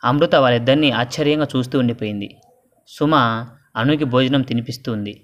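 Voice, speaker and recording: A man telling a family story aloud as an audiobook storyteller, voicing every character himself. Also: brisk. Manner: reads every character himself, pitching up for the women and girls. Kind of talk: audiobook story narration with voiced dialogue.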